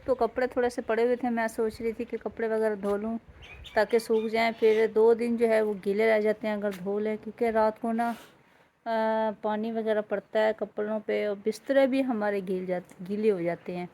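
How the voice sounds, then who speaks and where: A woman's voice: fairly high pitch, steady tone, warm tone. A woman from Pakistan in a casual home vlog who talks worriedly, asks questions and repeats herself. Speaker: vlogger's wife.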